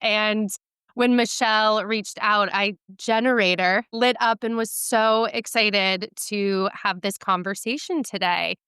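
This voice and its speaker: A woman's voice: mid-range voice, fairly even intonation, measured pace, pushed and bright, clean tone, no echo, studio quality. A woman hosting a podcast interview, asking questions in an enthusiastic, chatty way. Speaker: podcast host. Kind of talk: casual interview chat.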